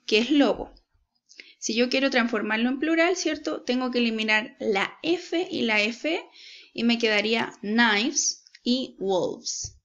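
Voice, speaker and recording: A Chilean woman teaching an English lesson in an unhurried, patient way, often pausing to check that her class is following. Her voice sits a little high. The recording sounds dull and lo-fi, like a home recording. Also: a bit bright. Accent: Chilean Spanish. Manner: slow, patient, checks in with "¿cierto?".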